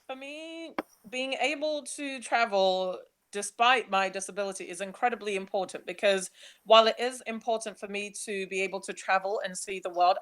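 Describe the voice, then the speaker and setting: A young woman from Nigeria, speaking, gives a chatty, animated webinar talk about her travels while slides are changed. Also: medium pitch. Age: young adult. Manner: chatty, animated, laughs easily.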